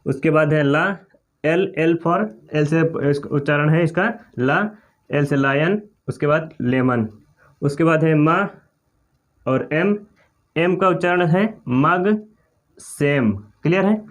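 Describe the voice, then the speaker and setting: A man teaches English letter sounds, speaking in a somewhat high voice. He moves slowly and repeats each example, checking with listeners as he goes. His delivery is patient and classroom-like. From India. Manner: slow, repetitive, often says "okay" and "clear". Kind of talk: classroom pronunciation lesson.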